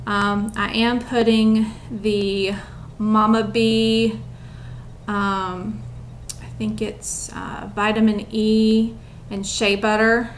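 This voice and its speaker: A woman's voice: medium pitch, little pitch movement, very slow, slight background noise. A young woman chatting casually to camera at home, rambling with lots of ums and a bit out of breath. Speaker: vlogger.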